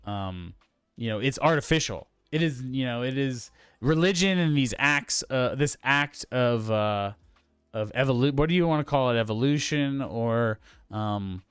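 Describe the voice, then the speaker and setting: Rambling man on a film podcast, smooth dry voice. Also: medium pitch, animated, a little slow, no echo. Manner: rambling, hesitant, many fillers and restarts. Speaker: podcast co-host. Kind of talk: casual film podcast chat.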